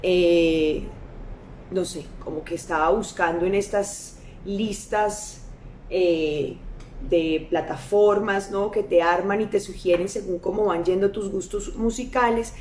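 A woman's voice: mid-range voice, steady tone, takes it slowly, darkish tone, a little hiss or hum. Host woman in an echoey room. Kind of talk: live-stream interview.

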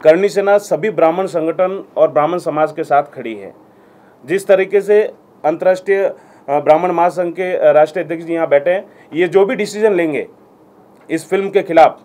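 A man's voice: a little high, mellow. A man representing an organization, making a firm statement to the press with some hesitations. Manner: firm, declarative, with hesitation fillers.

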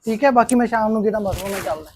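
A man's voice: high voice, darkish tone, a little hiss or hum, lightly acted. An actor playing a protective, practical man who talks firmly and reassures. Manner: brisk, firm, reassuring. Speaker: protective elder brother figure. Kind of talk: Punjabi web-series acting.

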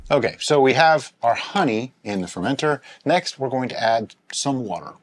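A middle-aged man hosts a homebrewing show from a home studio lined with shelves of bottles, working at a table and casually walking through each step. He's animated while handling his gear, speaking at normal speed in a mid-range voice.

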